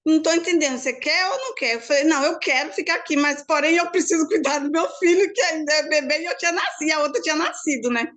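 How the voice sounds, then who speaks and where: A woman earnestly and quickly sharing a personal faith testimony, with frequent restarts. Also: high voice, a bit bright. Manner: fast, earnest storytelling with many restarts. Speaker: church group member sharing a testimony.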